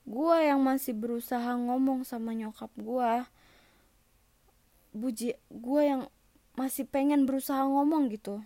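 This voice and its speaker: A young woman telling a personal story in an emotional, halting way, often restarting her sentences. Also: high voice, fairly even intonation, mellow, no echo.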